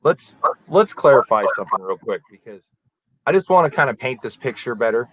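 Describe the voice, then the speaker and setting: A man co-hosting a podcast, calmly laying out events in order during a casual conversation. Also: medium pitch, a little fast, a little hiss or hum, low-quality recording. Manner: methodical, walks through events step by step. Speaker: podcast co-host.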